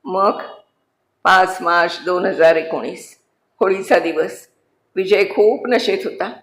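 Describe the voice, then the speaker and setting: एक शांत, नम्र कैदी पुरुष, जो आदराने आणि दबक्या आवाजात आपली कहाणी सांगतो, एका स्त्रीने वाचलेला. हे कथावाचन आहे आणि आवाजाला खोलीचा घुमारा आहे. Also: female voice, fairly low pitch, slow pace. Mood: subdued, solemn. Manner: respectful, subdued, addresses the jailer as sir. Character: humble male convict, quiet, remorseless protector. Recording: roomy echo.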